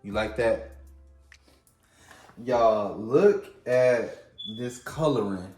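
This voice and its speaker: A man's voice: mid-range voice, drawn-out words, darkish tone, roomy sound, soft background music. A man hosting a casual at-home drink-making video, with a playful, chatty manner, talking straight to his viewers. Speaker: vlog host.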